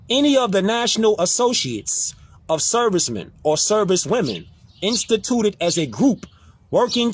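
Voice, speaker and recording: Casual host, high animated voice, preachy and slangy. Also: male voice, slightly rough. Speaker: social media commentator. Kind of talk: casual live-stream talk, reading definitions aloud.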